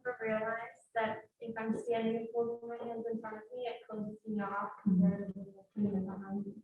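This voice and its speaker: A woman student answering a question in class in a soft, reflective way. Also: on the high side, completely flat delivery, fairly quick, a little hiss or hum. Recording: echoey room, thin phone-like sound, far from mic.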